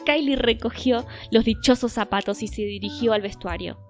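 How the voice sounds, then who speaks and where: A woman narrating a children's story in a gentle, measured way. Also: on the high side, soft background music.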